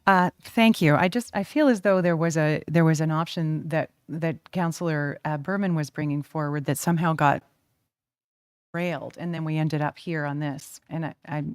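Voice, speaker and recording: A woman's voice: sits low, fairly even intonation, moderate pace, clear, resonant tone, dry recording, clean studio sound. A woman councillor speaking up hesitantly and apologetically in a council debate.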